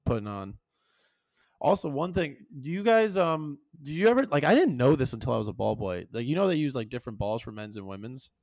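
Gravelly young man, animated storyteller. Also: mid-range voice, fairly quick, dry recording, studio quality. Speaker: podcast co-host. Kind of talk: casual chat.

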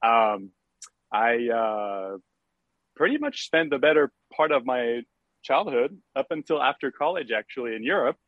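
A man's voice: medium pitch, animated, measured pace, dry recording, phone-quality sound. A middle-aged man from France with a French accent, chatting casually as a podcast guest with many fillers and easy laughter. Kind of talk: casual interview chat.

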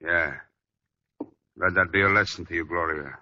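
An actor playing a ruthless gangster loan shark, with tough, sneering talk in a 1930s radio drama style. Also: male voice, low-pitched, steady tone, normal speed, close to an everyday voice. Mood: menacing. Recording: dull lo-fi old radio recording with faint noise.

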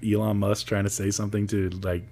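A man's voice: fairly low pitch, level tone, a little fast, mellow, a little hiss or hum. A man hosting a podcast in loose, joking, casual chat with some swearing. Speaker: podcast host.

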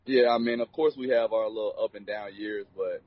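A man's voice: on the low side, brisk, no room sound. A young man in his twenties, a college football player, answering interview questions in a laid-back way, full of "you know" fillers. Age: 20s. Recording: dull lo-fi recording.

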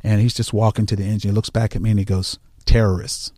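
With a fairly low pitch and a fast delivery, a firefighter guest shares stories in relaxed conversation. He brings them to life by acting out what people said. The sound is dry and clean, studio-grade.

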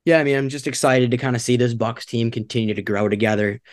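A man's voice: mid-range voice, fast, dry recording, studio quality. A man co-hosting a sports podcast, upbeat and casual, chuckling between phrases. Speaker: podcast co-host.

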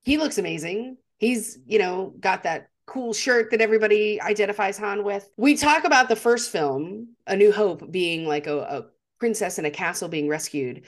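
A woman's voice: medium pitch, animated, moderate pace. A woman co-hosting a podcast, talking enthusiastically with lots of fillers and restarts. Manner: enthusiastic, rambling with many fillers. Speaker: podcast co-host. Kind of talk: casual chat.

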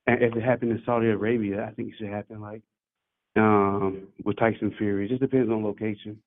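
Man, muffled phone line, tinny and dry, low voice, loose casual talk. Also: little pitch movement, brisk, no echo. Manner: loose, repeats words, fills with "like". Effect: muffled, bass-heavy phone line. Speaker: remote caller on a show. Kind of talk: casual chat. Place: on the move, leaving an office.

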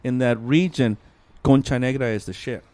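A man's voice: mid-range voice, moderate pace, mellow. A man hosting a casual podcast, rambling and swearing freely as he tells stories and laughs often. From United States. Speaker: podcast host.

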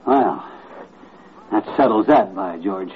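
An actor playing a grumbling, touchy, blustering husband in a 1950s radio comedy. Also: male voice, on the low side, expressive, takes it slowly. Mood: satisfied. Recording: muffled old radio, faint noise.

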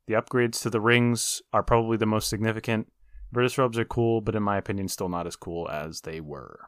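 A man's voice: on the low side, fairly even intonation, a little fast, smooth, no room sound, studio quality. A man co-hosting a casual gaming podcast, explaining and giving his opinions in a matter-of-fact way. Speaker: podcast co-host.

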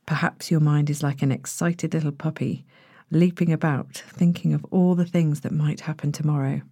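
Woman, sleep story narrator, mellow and low-toned, gentle hushed delivery, long pauses. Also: fairly even intonation, dry recording, studio quality. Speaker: podcast host, sleep meditation narrator. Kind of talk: soothing sleep story narration, guided relaxation.

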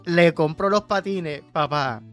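A man in his fifties with a Puerto Rican accent, co-hosting a podcast and telling stories in a loose, animated way, laughing often and slipping English words into his Spanish. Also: on the high side, slow, soft background music. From Puerto Rico. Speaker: podcast co-host. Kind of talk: casual storytelling chat.

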